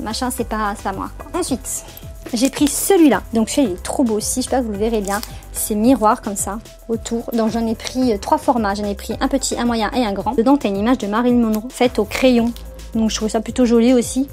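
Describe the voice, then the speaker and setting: A woman's voice: fairly high pitch, darkish tone. Chatty young woman vlogging. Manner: chatty, self-mocking, frank opinions. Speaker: YouTube haul vlogger. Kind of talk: casual haul vlog to camera.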